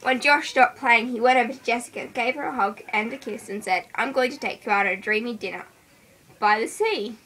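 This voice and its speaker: A young woman reads a school story aloud to friends, informal and giggly, breaking off now and then to banter with them. Her voice is on the high side, brisk and fairly bright, and the home recording is clearly noisy.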